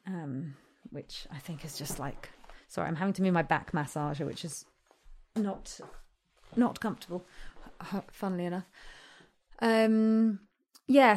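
A woman with a slightly low voice talks off the cuff in a loose, rambling monologue. She is hesitant and self-deprecating, letting thoughts trail off before circling back to them. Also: a little mellow. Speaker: content creator.

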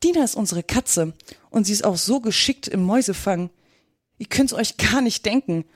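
A woman's voice: fairly high pitch, moderate pace, no room sound, studio quality, natural voice. Alice, an eager curious girl, read by a woman. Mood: earnest. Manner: eager and polite. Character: curious, earnest young girl.

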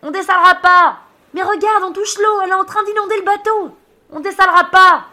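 A woman voicing her friend shouting advice from high on a sailing boat, high and bossy. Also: steady tone, fast talker.

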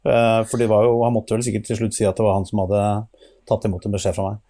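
A man's voice: on the low side, steady tone, dark tone. A man telling a story in conversation, full of hesitant fillers, his voice climbing as the story builds. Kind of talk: animated anecdote in conversation.

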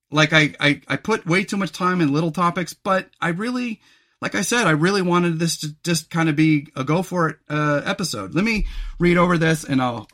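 Male solo podcaster, slightly higher pitch, rambling reflective delivery, voice going hoarse. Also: bright, forceful tone. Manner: rambling and reflective, many fillers and restarts. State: losing his voice, clears throat often. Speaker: podcast host.

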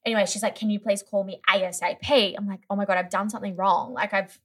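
A young woman appears as a guest in a casual chat, talking fast in a mid-range voice. She tells a story with lots of energy, saying "like" constantly and acting out other people's voices.

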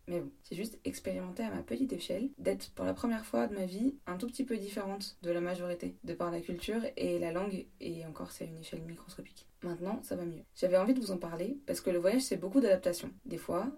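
A woman from France hosts a solo travel podcast and chats in a wry, joking way. Her voice sits low and sounds soft and slightly husky. She is recorded from a little way back from the microphone. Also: recorded from a distance. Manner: chatty and wry, with joking asides. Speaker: podcast host.

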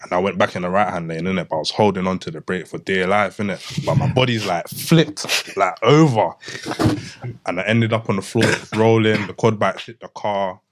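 A man's voice: sits low, normal speed. A young man with a London roadman accent, telling a story casually among friends in heavy slang and tagging sentences with innit. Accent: London roadman, multicultural London English. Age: young adult.

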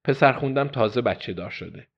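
A man voicing a weary, guarded woman in prison who answers quietly and evasively. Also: medium pitch, expressive, gravelly, breathy edge, lo-fi sound. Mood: firm.

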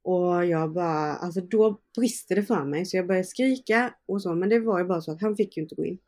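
A woman's voice: lowish voice, dark tone. A young woman, an interview guest, casually recounting personal events with fillers and quoted dialogue. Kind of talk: personal storytelling in conversation.

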